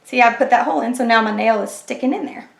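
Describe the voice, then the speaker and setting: Her voice is on the high side and creaky, and she talks fast. Hosting her craft channel, she guides viewers step by step in a chatty tutorial while struggling with a cold that's taking her voice, with echo in the room and faint kitchen clatter behind.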